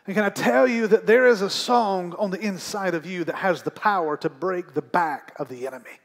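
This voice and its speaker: A man preaching to his congregation, energetic and rallying. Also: sits high, brisk, creaky. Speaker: pastor. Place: church.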